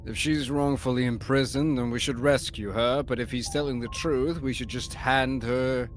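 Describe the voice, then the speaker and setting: A man playing an earnest, reasonable hero's inner voice in a visual novel game, speaking in a measured way. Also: mid-range voice, fairly even intonation, faint music behind, lightly acted. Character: earnest young hero, reasonable inner voice arguing gently.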